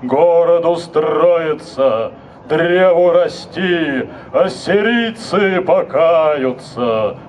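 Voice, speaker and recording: Guy declaiming poetry dramatically outside on a mic, super slow n measured, slightly high voice, bit of ambient noise. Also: animated. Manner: measured, deliberate phrasing with repeated refrains. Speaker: poet reciting at an outdoor reading. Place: outdoor stage area in a forest. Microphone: handheld microphone through speakers, filmed from a distance.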